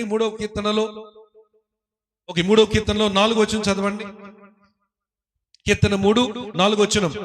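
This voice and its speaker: A male pastor preaching in church, animated, questioning and teasing his congregation and acting out the voices of people in his stories. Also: high voice. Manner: animated, acts out voices of people praying and scolding. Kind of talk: sermon.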